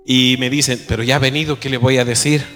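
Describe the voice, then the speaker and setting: A man preaching a sermon as pastor, fervent, moving between loud declarations and quiet storytelling. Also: mid-range voice, steady tone, fast talker, big-room sound.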